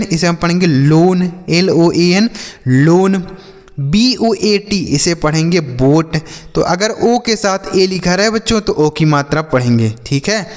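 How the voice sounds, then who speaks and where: Man teaching children to read, slow spelling. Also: high voice. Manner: spells letters slowly and asks pupils to repeat. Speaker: English teacher. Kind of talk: reading lesson for children. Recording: long hall reverb.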